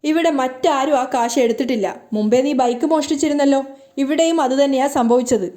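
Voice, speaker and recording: A woman's voice: sits high, fairly quick, mellow, lightly acted. A scornful accusing woman, read by a woman. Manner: read out plainly in the reader's own voice. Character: scornful middle-aged woman accusing a boy of theft.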